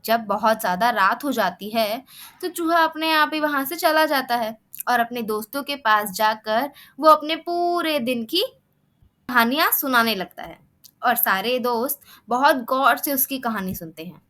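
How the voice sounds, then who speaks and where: A woman narrates a children's story in an expressive, lively way. Her voice sits high and sounds bright and forceful. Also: a little slow.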